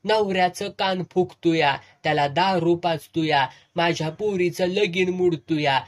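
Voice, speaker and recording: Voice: medium pitch, lightly acted. A reader voicing a scolding village aunt. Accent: rural Marathi village. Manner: scolding, abusive, rapid tirade. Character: fierce middle-aged village aunt.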